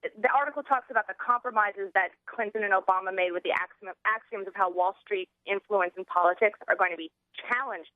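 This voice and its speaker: An American woman in her thirties co-hosts political talk radio, speaking in an informal, chatty, conversational way. Her mid-range voice has no echo and comes through a telephone microphone on a narrow-band phone line aired on radio.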